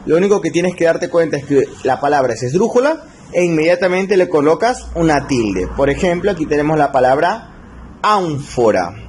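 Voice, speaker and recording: A man teaching a recorded spelling lesson, slowing down to stress key rules and checking in with his students. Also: on the high side, big pitch swings, a little hiss or hum. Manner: slow, stretched emphasis on key rules, frequent check-ins. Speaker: language teacher.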